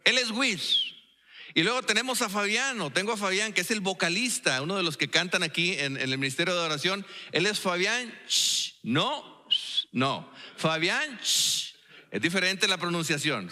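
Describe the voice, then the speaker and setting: A man with a Mexican accent delivers a sermon in a playful, storytelling way with jokey asides. His voice sits high and rings very bright. The sound carries a long echo from a church hall. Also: lively intonation, normal speed. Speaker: preacher. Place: church sanctuary.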